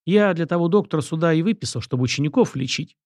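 A man's voice: a little high, lively intonation, fast, a little mellow, no echo, pitched above the performer's own voice. Young prince guy, firm and bossy, dry close sound, read by a man. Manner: firm, commanding. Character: young male prince and school founder, firm and decisive.

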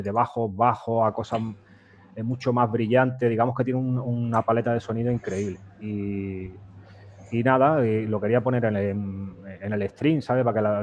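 A man casually walking through his music software setup, explaining step by step, with frequent fillers and restarts. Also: medium pitch, dull audio. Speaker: guest music producer. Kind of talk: casual demo walkthrough.

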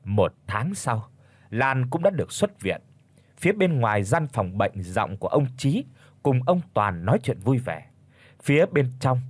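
Husky male narrator, lively intonation, dry close recording. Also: medium pitch, no echo. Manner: expressive storytelling. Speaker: audiobook narrator. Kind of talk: scripted story narration.

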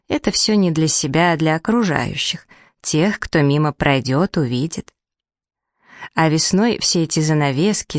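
Low-voiced woman reading a story. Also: no echo, studio quality. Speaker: reader. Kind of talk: audiobook storytelling.

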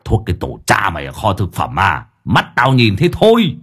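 A man voicing a foul-mouthed older male exorcist who barks orders gruffly. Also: deep voice, wildly swooping pitch, moderate pace, a bit bright, full character voice. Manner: gruff, cursing, bossy.

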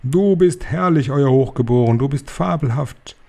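A man reading a story aloud, voicing a crowd of excited female witches who cheer shrilly in chorus. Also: mid-range voice, moderate pace, gravelly, voice pushed up, lightly acted. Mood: fawning.

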